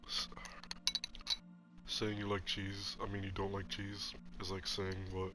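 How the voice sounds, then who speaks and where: A man's voice: sits low, completely flat delivery, unhurried, music in the background. A young man hosting a podcast in casual mukbang chat, sniffling and talking while he slurps noodles. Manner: chatty, talks while eating and slurping noodles. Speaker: podcast host.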